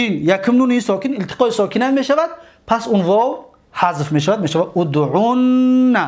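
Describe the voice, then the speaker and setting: A man teaching an Arabic grammar lesson, reciting word forms slowly and often checking whether his students follow. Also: high voice. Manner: repeats and asks students if they follow.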